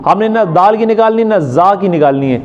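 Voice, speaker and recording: A man teaching Quran pronunciation to a class, drilling letter sounds, asking and answering his own questions, and chanting words slowly. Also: high-pitched, lively intonation, dull audio.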